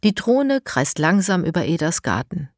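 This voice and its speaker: A woman narrating a children's audiobook in a calm, measured way. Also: on the low side, no room sound, clean studio sound.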